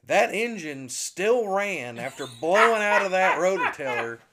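Animated male pastor telling a funny story. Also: high voice, measured pace, heavy background noise. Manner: animated, laughs through his own story. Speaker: pastor and podcast host. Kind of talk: casual comic storytelling.

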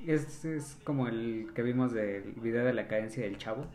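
A man banters casually, dropping jokes in a deadpan way. His voice is at an ordinary pitch, and he speaks in short, quick lines. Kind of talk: casual chat.

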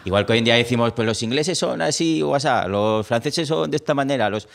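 A man's voice: mid-range voice, fast, creaky. A man co-hosting a podcast, speaking hesitantly with many fillers and tag questions. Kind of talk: casual podcast chat.

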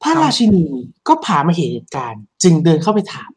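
A woman narrating a fairy tale with halting, dramatic pauses in a comedy podcast. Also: fairly low pitch, huge pitch swings, recorded from a distance. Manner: dramatic, halting story-reading. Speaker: storyteller narrator.

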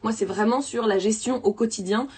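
A woman's voice: fairly high pitch, brisk, a little mellow, husky. A woman hosting a casual podcast about coffee. She explains each step plainly, with fillers as she thinks aloud. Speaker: coffee consultant and podcast host.

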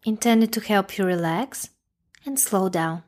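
This is a guided meditation led by a woman with a medium-pitched voice. She keeps things calm and measured, leaving lengthy pauses after each short, plain instruction.

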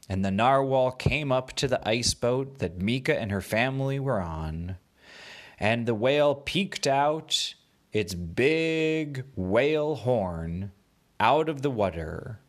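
A man tells a bedtime story at a slow, unhurried pace. His phrasing is simple and repetitive, made for young children, and his voice sits at an ordinary male pitch. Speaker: children's storyteller, podcast host. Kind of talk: improvised bedtime story narration.

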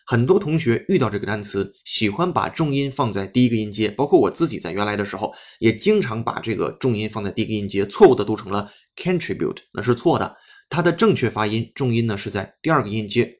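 A man hosting a broadcast-style English lesson, upbeat and explaining step by step with repeated drills. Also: fairly low pitch. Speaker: English teacher and host. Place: studio broadcast.

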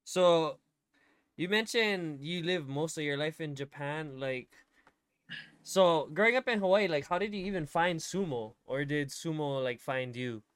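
Male podcast host, fairly high voice, smooth and clear, dry sound, easygoing and casual. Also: a little slow, a bit bright, dry recording. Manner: easygoing, laughs often, casual slang. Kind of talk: casual interview.

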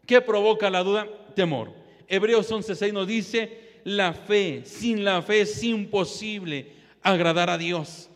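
High-pitched guy preaching hard at church, keeps saying brother, lots of hall echo. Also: slow. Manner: fervent, exhorting, addresses listeners as brother again and again. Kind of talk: sermon. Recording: long hall reverb.

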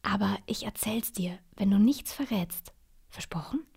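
A woman's voice: medium pitch, animated, unhurried, husky. A woman voicing a kindly, secretive little sandman who whispers in a bedtime story. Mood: gentle. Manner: hushed, whispering.

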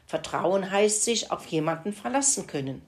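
A woman voicing a wise, patient mouse father in a children's story, explaining things gently. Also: mid-range voice, animated, moderate pace, lightly acted.

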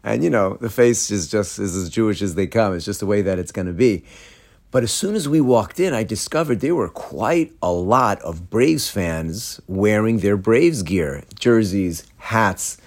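A man from Atlanta, a rabbi telling a story in a sermon, acting out the people in it with quick laughs. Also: lowish voice. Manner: animated storyteller, acts out quoted voices with laughs.

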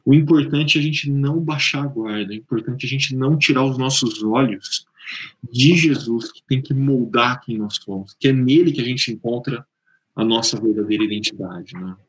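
A Brazilian man with a medium-pitched voice talks casually about faith as a panelist. His manner is informal, and he addresses listeners directly. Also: moderate pace, poor audio. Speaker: panelist answering questions on faith. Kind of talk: casual religious talk.

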